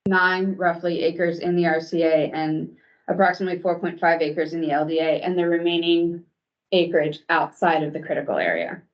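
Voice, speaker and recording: Staff presenter, female, low voice, steady briefing, dull lo-fi video-call audio from a screen-recorded meeting. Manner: measured, clear, with some hesitant ums.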